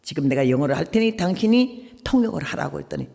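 Older woman, preacher, gravelly voice, sermon storytelling, long hall echo. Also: sits low, sing-song, fast. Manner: storytelling, dramatic swings between soft and loud. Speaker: missionary preacher.

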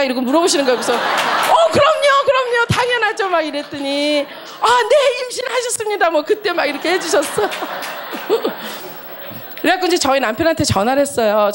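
A middle-aged woman giving a church testimony as a missionary, telling her story in an animated way and acting out the dialogue. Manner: animated storyteller, acts out dialogue with big pitch jumps and laughter.

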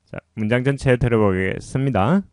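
A man's voice: medium pitch, a little mellow, dry recording. Patient male pronunciation teacher, dry sound. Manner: patient and explanatory, often pausing with "자". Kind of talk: lesson explaining pronunciation.

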